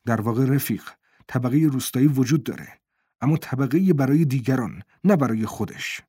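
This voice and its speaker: A man reading the lines of a calm, measured comrade in a storybook reading, speaking slightly lower. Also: close to an everyday voice. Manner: measured, clears throat first.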